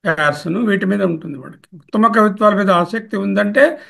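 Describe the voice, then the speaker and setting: A man's voice: high-pitched, vocal fry, fairly bright tone. A man explaining a Sanskrit hymn verse by verse in a lecture, asking questions and answering them himself. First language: Telugu. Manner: repeats verse words slowly, glossing each. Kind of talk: scholarly commentary lecture.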